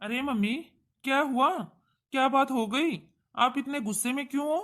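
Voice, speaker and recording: Casting: woman playing a patient young cartoon son, placating and reasoning, bright and raised. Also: high voice, moderate pace. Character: young adult son, calm, patient man. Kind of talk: cartoon voice acting.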